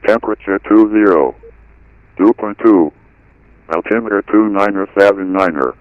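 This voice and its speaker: A man's voice reading an automated airport weather broadcast over the radio, reciting numbers and runway notes in an even, clipped way. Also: lowish voice, normal speed, dry recording, dull audio. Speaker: automated airport information recording.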